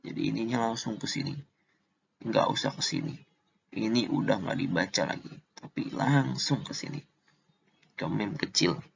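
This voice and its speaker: A man teaching Quran recitation rules in a casual lesson, slow and deliberate, drawing out the recited examples. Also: lowish voice, creaky, dull audio, slight background noise.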